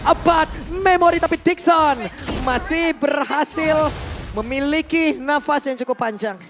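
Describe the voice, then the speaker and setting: A man calling a game play by play as an excited esports caster. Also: very high voice, measured pace, faint music behind.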